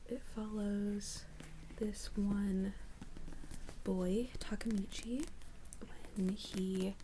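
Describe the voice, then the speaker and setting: A young woman in an ASMR role-play as a librarian, speaking in a soft, halting soft voice. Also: medium pitch, fairly even intonation, a little hiss or hum, low-quality recording. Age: young adult. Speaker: ASMR creator playing a librarian.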